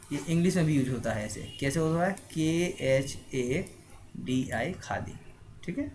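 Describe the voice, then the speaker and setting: A man's voice: medium pitch, darkish tone, a little hiss or hum. Hindi-speaking man spelling words aloud. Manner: asks frequent checking questions. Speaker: teacher. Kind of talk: spoken spelling lesson.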